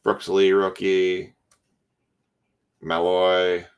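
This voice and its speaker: A man's voice: sits low, completely flat delivery, very slow, gravelly, clean tone. A tired man hosting a casual card break, calling out player names as he opens packs. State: tired, yawning.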